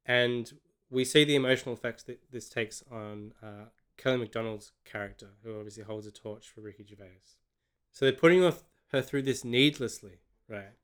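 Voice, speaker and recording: An Australian man reviewing a film in casual chat, his voice smooth and resonant. He talks sardonically and rambles, often restarting his sentences. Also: medium pitch, normal speed, fairly bright tone. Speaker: podcast co-host.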